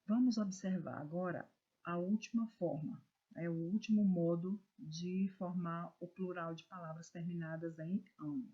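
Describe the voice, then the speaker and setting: A Brazilian woman teacher giving a recorded lesson to children, reading words slowly and stressing syllables with care. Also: fairly low pitch, steady tone, breathy edge. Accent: Brazilian Portuguese. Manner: slow, careful, stresses syllables when reading words aloud. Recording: dull lo-fi recording.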